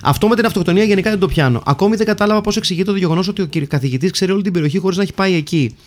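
Jokey Greek man reading listener mail. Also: sits high. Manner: jokey, reads lists of names and titles. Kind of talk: casual comedic film chat.

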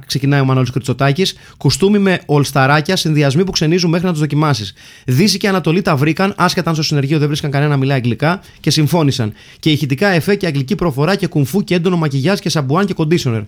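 A man with a slightly raised voice hosts a casual, joking film talk. He reads out listener mail and cast lists in a playful, bantering way. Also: on the high side. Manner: jokey, reads lists of names and titles. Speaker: podcast host reading listener mail. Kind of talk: casual comedic film chat.

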